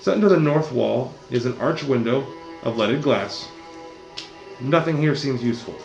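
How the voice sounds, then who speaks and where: A man's voice: medium pitch, moderate pace, vocal fry, muffled recording. Man running a tabletop game. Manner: relaxed, explains rules plainly. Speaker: dungeon master. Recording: roomy recording with background music. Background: background music.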